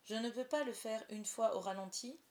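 A woman's voice: fairly high pitch, normal speed, roomy sound, natural voice. A woman reading a storybook, voicing a practical, eager boy who asks questions. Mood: questioning. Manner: eager, excitable. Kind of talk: storybook character voice.

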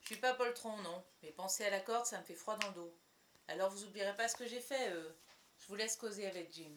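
A sly, blustering pirate cook barks out his lines in a raised, rough voice, as a woman puts him on. He is loud and slangy, pitched above the reader's usual tone. This is storybook read-aloud. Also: brisk, roomy sound, background noise, lightly acted. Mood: gruff. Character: cunning one-legged pirate cook, middle-aged man, gruff.

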